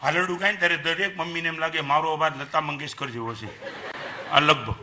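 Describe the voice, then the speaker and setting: An older man with a Gujarati accent giving a lively Jain sermon, dropping to soft asides and rising to loud emphasis, asking the audience questions. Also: fairly high pitch, fast talker, slight background noise. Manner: animated preaching, swings between soft asides and loud emphasis. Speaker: Jain monk lecturer. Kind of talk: sermon to an assembly.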